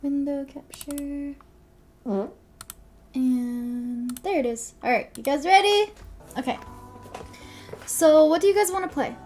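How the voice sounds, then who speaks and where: A woman's voice: high voice, slow pace, long pauses, darkish tone, faint music behind. A young woman streaming live, chatting casually with her viewers, giggly, apologetic and rambling. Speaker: vtuber streamer.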